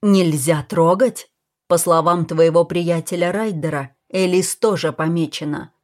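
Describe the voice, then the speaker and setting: A woman's voice: fairly low pitch, a little slow, a little mellow, close to an everyday voice. A woman voicing an angry, protective man who speaks in a stern, clipped way in a storybook reading.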